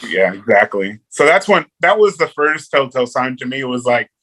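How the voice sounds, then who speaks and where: A man's voice: medium pitch, big pitch swings, brisk, pushed and bright, rough recording. A man, a guest on a movie review podcast, talking casually and rambling, repeating words and saying "you know" a lot.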